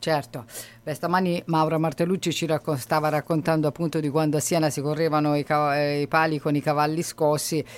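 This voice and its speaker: A woman hosting a radio interview, asking lively questions with filler hesitations. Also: sits low, brisk. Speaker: radio host.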